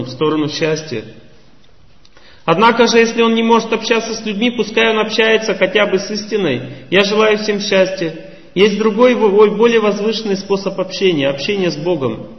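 A man with a high voice delivers a slow, teacherly religious talk, posing questions to his audience. He sounds set back from the microphone in a long-echoing hall. The sound is muffled and dull. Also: far from the mic. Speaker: spiritual lecturer. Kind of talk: religious lecture. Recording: echoey hall, voice from afar, muffled.

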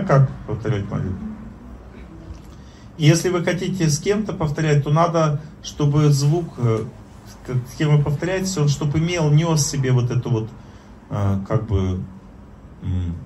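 A man speaks as a spiritual teacher in an unscripted lesson, pausing often and filling gaps with hesitations. His voice sits at an ordinary middle pitch. A faint hiss of noise runs under the recording. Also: dark tone. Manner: halting, with many fillers and pauses. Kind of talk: informal spoken lesson on prayer.

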